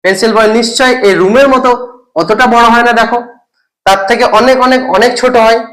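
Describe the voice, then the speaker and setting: In a recorded lesson video, a teacher explains a grammar point, repeatedly asking questions and checking that the listener is following. Example English sentences are read slowly, word by word. The voice is medium-pitched, steady, and a bit bright, with poor audio.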